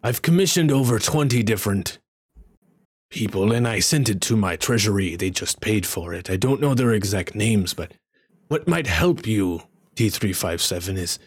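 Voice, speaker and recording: A man voicing a proud bird-like male king in a tabletop game, speaking in a grave, halting way. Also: fairly low pitch, expressive, breathy edge, no room sound, studio quality.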